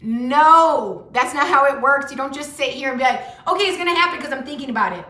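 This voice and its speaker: A young adult woman, a tarot reader and motivational vlogger, gives a casual reading in a blunt, pushy way, swearing freely and capping points with "okay?". Her high voice is quick, bright, and forceful, in an echoey room.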